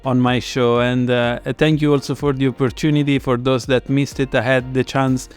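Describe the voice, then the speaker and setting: A man's voice: mid-range voice, flat delivery, moderate pace, smooth, soft background music. A man hosting an interview over a video call, polite and hesitant, with many fillers. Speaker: host.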